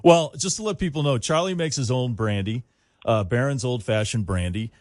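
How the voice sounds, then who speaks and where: A man's voice: medium pitch, normal speed, a little mellow, dry recording, studio quality. A man hosting a casual radio interview in a conversational way.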